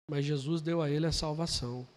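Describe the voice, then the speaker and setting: A Brazilian man preaching a sermon, telling a story quietly and then building to loud, emphatic preaching. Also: fairly high pitch, fairly even intonation, brisk. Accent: Brazilian Portuguese. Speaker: pastor. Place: church hall. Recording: long hall reverb.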